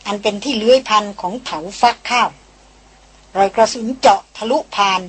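Brief: a woman narrating a novel, husky timbre, even delivery. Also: fairly high pitch, moderate pace. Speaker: audiobook reader.

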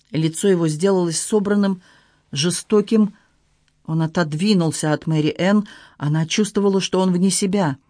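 A narrator reading a novel aloud in a steady, measured storytelling manner. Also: mid-range voice, no echo, clean studio sound. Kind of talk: audiobook narration of a romance novel.

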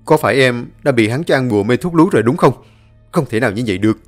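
A man's voice: mid-range voice, lively intonation, fast talker, soft background music, close to an everyday voice. A man voicing a heartbroken young man who pleads and accuses in a raised voice. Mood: desperate.

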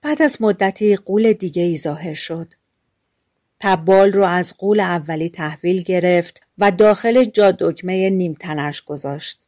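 A woman narrating fairy tales for an audiobook in a calm, colloquial storytelling manner. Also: fairly low pitch, dry recording, studio quality.

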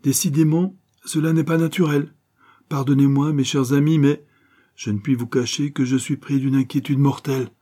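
A man's voice: on the low side, steady tone, moderate pace, a little mellow, husky. A man voicing a worried aging father who speaks in anxious outbursts, in a storybook reading. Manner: anxious, rising to urgent outbursts.

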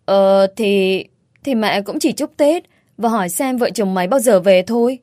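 A woman reading the part of a scheming middle-aged mother-in-law who feigns innocence, in a shrill, scolding manner. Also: lively intonation, brisk, no echo, clean studio sound, close to an everyday voice. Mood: sharp.

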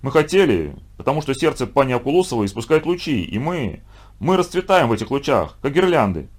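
A man's voice: mid-range voice, very animated, a little fast. Guy reading as a scared little schoolboy, timid mumbling. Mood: frightened. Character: frightened young schoolboy on duty.

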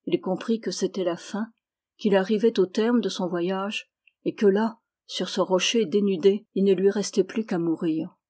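A woman narrating a classic novel as an audiobook, in a measured, steady storytelling manner. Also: medium pitch.

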